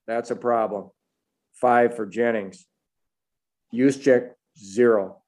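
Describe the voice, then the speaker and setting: A man's voice: mid-range voice, fairly even intonation, slow pace, darkish tone. A man hosting football analysis, reeling off stats and ratings in clipped, matter-of-fact phrases. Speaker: football analyst and show host.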